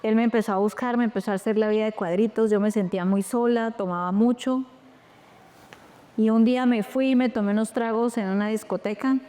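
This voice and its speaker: A Colombian woman, an interview guest, retelling a painful personal story in a lively, animated way with quoted dialogue. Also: fairly high pitch, a little fast.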